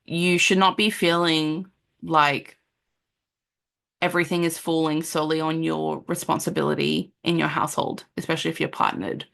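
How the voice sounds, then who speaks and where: Gravelly low-voiced woman podcaster. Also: flat delivery, normal speed, fairly bright tone. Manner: earnest and conversational, with frequent "um" and "like" and occasional laughs. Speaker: podcast host, parenting counsellor. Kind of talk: solo podcast monologue.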